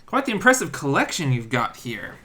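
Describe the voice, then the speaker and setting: A man voicing a powerful male angel who speaks calmly and politely in a tabletop game. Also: fairly high pitch, brisk, slight background noise.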